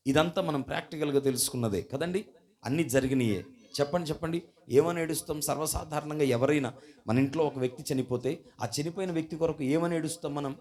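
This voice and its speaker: A man with a slightly high voice delivers a fast sermon at a church service, constantly putting questions to the congregation and calling for answers. His voice shifts suddenly between loud and soft.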